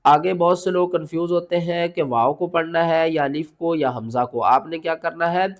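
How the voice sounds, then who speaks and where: Patient man teaching Quran recitation. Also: fairly high pitch. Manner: explains in quick asides, then recites slowly and loudly with drawn-out chant; asks himself questions as he teaches. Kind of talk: step-by-step tajweed lesson.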